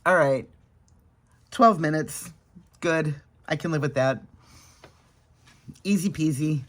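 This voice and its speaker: A woman's voice: deep voice, slow pace. Chatty woman doing her makeup on camera. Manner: chatty, laughs often, soft-spoken asides. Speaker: makeup vlogger. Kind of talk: casual makeup vlog chat.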